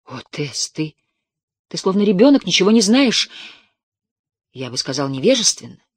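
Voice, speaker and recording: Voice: mid-range voice, fairly quick, a bit bright, no room sound, close to an everyday voice. A reader voicing a stern, shocked young husband in a dramatic audiobook reading, reproachful and clipped. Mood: exasperated.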